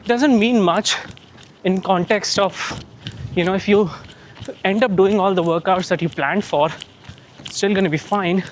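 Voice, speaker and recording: A man's voice: sits high, measured pace, long pauses. A man talking casually to his vlog audience while he runs outdoors, with some wind noise in the recording. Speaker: running vlogger. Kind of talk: casual vlog chat to camera. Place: outdoors on the move.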